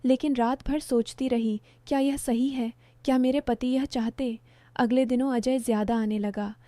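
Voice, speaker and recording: Mellow, fairly high-voiced woman storyteller. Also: dry recording. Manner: calm, measured, reflective. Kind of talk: scripted first-person story narration.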